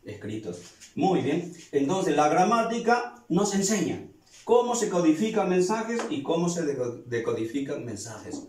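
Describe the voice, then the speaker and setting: A man's voice: high voice, big pitch swings, measured pace, a little hiss or hum. A male teacher giving a grammar lesson to students, explaining step by step and asking questions he then answers. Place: classroom. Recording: echoey room, voice far from mic.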